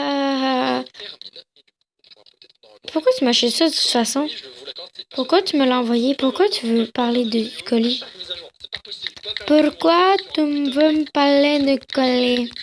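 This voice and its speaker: A woman's voice: high voice, normal speed, long pauses. A young woman casually playing a game, reading its dialogue aloud with joking, crude asides and giggles. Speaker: gamer.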